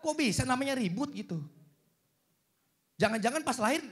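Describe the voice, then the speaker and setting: A young man works a stand-up set on a cinema stage, and his voice sits notably high for a man. He tells his stories with animated energy and acts out every quoted line. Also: moderate pace, slightly rough. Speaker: stand-up comedian. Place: cinema stage with a live audience.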